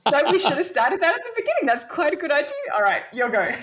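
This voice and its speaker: A woman's voice: high-pitched, quick pace. Giggly woman podcast host. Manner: playful, giggly, animated. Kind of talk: casual chat.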